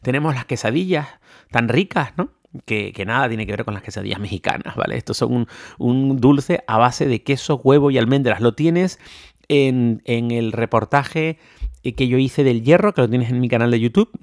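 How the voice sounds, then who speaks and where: Solo podcast host, a man from Tenerife with a mixed Canarian and peninsular accent; enthusiastic and chatty, middle-pitched, dry close mic. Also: normal speed, no echo. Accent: mixed Canarian and peninsular Spanish. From Tenerife, Canary Islands. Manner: chatty, enthusiastic, many fillers and tag questions. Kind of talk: casual solo podcast talk.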